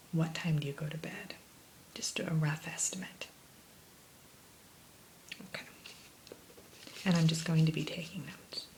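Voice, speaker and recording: Low whispering woman in spa consultation role-play. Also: low-quality recording. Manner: gentle, attentive spa receptionist-like client consultation. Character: soothing, attentive female spa sleep consultant. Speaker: ASMR performer playing a spa sleep consultant. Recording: close whisper with background hiss.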